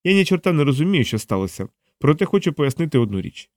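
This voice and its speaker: Brief: a commanding, menacing male officer, put on by a man, a bit higher than his own voice. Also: big pitch swings, quick pace, dry recording, clean studio sound. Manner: stern, threatening.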